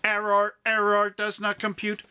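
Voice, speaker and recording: A man's voice: sits high, monotone, normal speed, sharp tone, smooth, pitched above the performer's own voice. Man doing a glitching robot voice. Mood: robotic. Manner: clipped, repetitive robotic chanting. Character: glitching malfunctioning robot, male, blunt and mechanical. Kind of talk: mocking impression in a casual video commentary.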